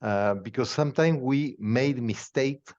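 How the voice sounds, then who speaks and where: Man, Argentine Spanish accent, podcast host, measured pausing speech, dull lo-fi call audio. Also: mid-range voice, a little mellow. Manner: measured, non-native phrasing with pauses. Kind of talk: conversational interview.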